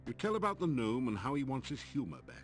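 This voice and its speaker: An actor playing a grand, wry storyteller, narrating a fantasy game in a theatrical, measured way. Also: male voice, mid-range voice, big pitch swings, lightly acted. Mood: matter-of-fact. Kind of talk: scripted second-person game narration. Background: game music.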